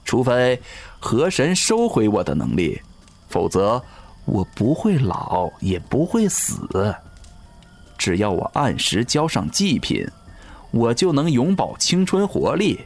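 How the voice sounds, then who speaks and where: A man voicing a cruel, gloating undying seducer in an audio drama, speaking in a slow, sneering, mocking way. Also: medium pitch, wildly swooping pitch, full character voice. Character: ageless male river-god servant, cruel gloating seducer.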